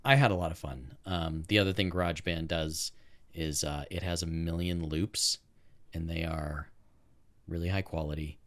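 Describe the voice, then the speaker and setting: A podcast co-host who dabbles in making theme music talks informally and eagerly in casual chat. His deep, slightly bright voice keeps fairly even intonation at a normal speed.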